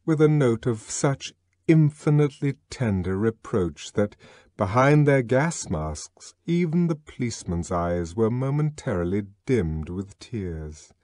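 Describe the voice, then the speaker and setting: A man reading a novel aloud at an unhurried pace, his delivery expressive and emphatic. His pitch moves in a lively way through the sentences, and the recording is dry and close-miked. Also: dry recording. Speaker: audiobook narrator. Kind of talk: dramatic audiobook reading.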